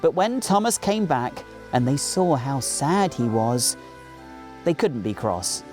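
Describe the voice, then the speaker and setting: British man, children's storybook narrator: hugely expressive, unhurried, soft music underneath. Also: medium pitch. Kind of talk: animated children's story reading. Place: small indoor recording studio.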